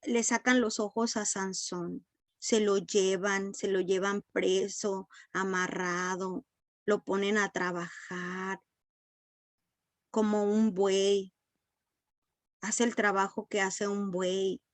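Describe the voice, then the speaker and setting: A woman teaching a Bible story in a relaxed, unhurried way, often correcting herself and acting out quoted lines. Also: mid-range voice, dry recording. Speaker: preacher.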